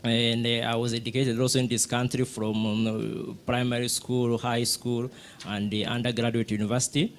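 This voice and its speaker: A middle-aged Rwandan physicist tells his personal story on a panel, often restarting and using fillers. His voice is medium in pitch, level in tone, and moderately paced.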